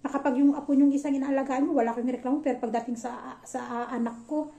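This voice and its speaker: A woman's voice: high-pitched, steady tone, fast, creaky. Woman retelling as an angry ranting young mother. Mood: resentful. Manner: loud, exasperated complaining.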